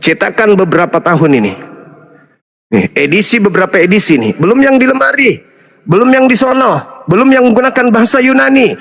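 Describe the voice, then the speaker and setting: A man's voice: sits high, sing-song, fairly quick, a bit bright, in a large hall. A man, an Islamic apologist, lecturing and taunting his opponents in a combative interfaith debate.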